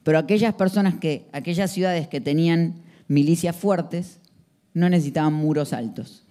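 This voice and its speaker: A man's voice: on the high side, moderate pace, warm tone. A man preaching a sermon, emphatic and full of rhetorical questions.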